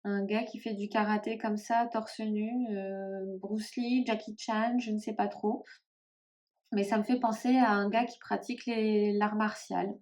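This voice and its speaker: A woman's voice: mid-range voice, little pitch movement, measured pace, a little mellow. Hesitant woman musing over tarot cards. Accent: northern French (Ch'ti). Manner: hesitant, musing, many fillers and trailing off. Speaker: tarot vlogger. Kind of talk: casual chat to camera.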